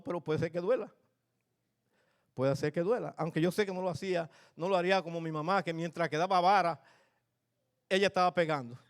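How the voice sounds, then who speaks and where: A man's voice: high voice, clean tone. An older man, a pastor, preaching a sermon in church, telling family stories with humor and asking the congregation questions. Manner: storytelling, lively and humorous, addresses congregation.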